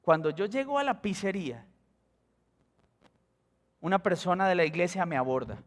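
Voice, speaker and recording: A Colombian man preaching a sermon as pastor, telling a story and acting out the dialogue, with sudden high exclamations. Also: sing-song, moderate pace. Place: church sanctuary. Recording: long church hall reverb.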